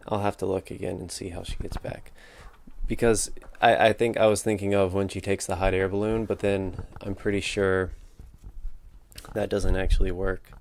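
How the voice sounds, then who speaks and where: A man's voice: sits low, a little mellow. A man hosting a casual solo book discussion. He thinks aloud and hesitates, correcting himself as he talks into a battery-powered microphone. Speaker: podcast host.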